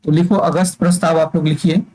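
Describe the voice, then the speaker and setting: A man's voice: fairly high pitch, level tone, fairly quick, darkish tone, low-quality recording. Man teaching a class in a raised voice. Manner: dictating notes, checking students follow. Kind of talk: exam-prep lecture.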